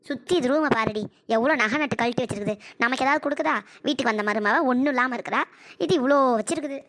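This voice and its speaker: A woman's voice: high voice, fast, a bit bright, no room sound, studio quality. A woman voicing a brash, scheming elder daughter-in-law in a cartoon comedy. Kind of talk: cartoon voice acting.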